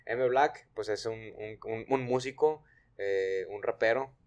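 A young podcast host chats casually at a desk mic in a small studio with a blue wall, asking relaxed, slangy questions with many restarts. His voice is fairly low and unhurried, and the audio sounds dull.

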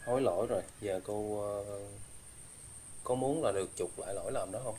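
A man, questioning a spirit slowly and hesitantly, with many fillers. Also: lowish voice, mellow, a little hiss or hum. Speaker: ghost hunter questioning a spirit.

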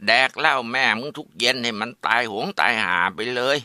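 Man voicing a scolding older village mother, cursing, sharp, bright voice, dry recording. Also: mid-range voice, lively intonation, a little fast, no echo.

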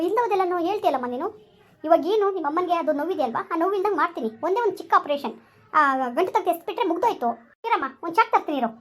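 A woman playing a scheming mother-in-law who lectures in a falsely sweet, bossy way in a comedy skit. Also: very high-pitched. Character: scheming mother-in-law posing as social worker.

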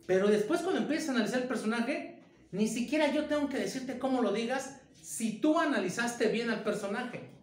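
A man's voice: very high voice, expressive, a little fast, roomy sound. A man, a theater director teaching an informal acting lesson and firing off many rhetorical questions.

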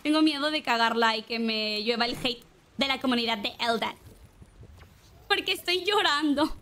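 Young Mexican woman, high voice, casual streamer chat, swears a lot, faint game noise behind. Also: moderate pace, sharp tone. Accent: Mexican Spanish. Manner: chatty, swears, sings along to songs. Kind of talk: casual gameplay chat with singing along.

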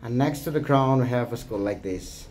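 A man's voice: mid-range voice, lively intonation, normal speed, a little mellow, a little hiss or hum, poor audio. A man giving a casual walking tour to viewers, chatty and pointing things out as he goes, recorded on a handheld phone. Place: outdoors on a hillside village and indoors.

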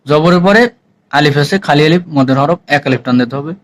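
A man teaching Quran reading, spelling out each letter and vowel slowly before chanting the joined words. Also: a little high, poor audio. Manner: slow, drawn-out syllable-by-syllable spelling and chanted recitation. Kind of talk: spelling-out recitation lesson.

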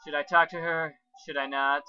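A man with a fairly high, very sharp voice gives casual game commentary. He thinks aloud and explains as he plays. The recording is slightly dull, with music behind. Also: flat delivery, normal speed. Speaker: gamer narrating a playthrough.

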